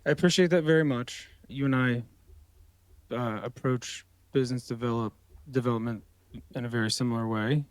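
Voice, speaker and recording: A man's voice: medium pitch, no echo. A man hosting a podcast interview, asking loose, rambling questions in a friendly, chatty way. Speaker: podcast host. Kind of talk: conversational interview.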